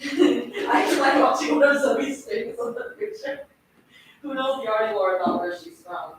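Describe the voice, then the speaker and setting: Her voice a little high and animated at normal speed, a young Turkish woman cooks in her home kitchen and chats casually with her live stream audience. She's giggly and talkative and addresses the food as she works. The mic is distant in an echoey room with a noisy background.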